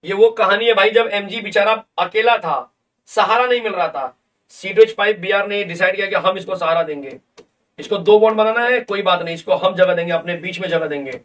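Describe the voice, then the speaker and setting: A chemistry teacher leads a live online lesson in a high-pitched, slightly bright voice, playful and chatty as he calls his students kids. His desk mic on the livestream sounds distant and somewhat echoey.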